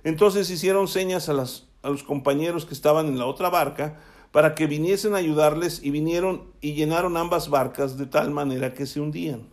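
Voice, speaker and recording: A man with a somewhat high voice preaches a sermon, reading scripture aloud before explaining it in a conversational way. He checks in with listeners through quick tag questions.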